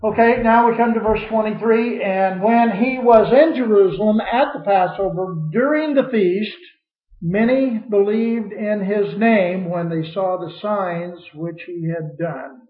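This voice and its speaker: A man with a high voice leads a Bible study. He quotes scripture and puts questions to the class in a preacherly way. The recording is dull and echoey, as if taken in a church room. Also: a little slow.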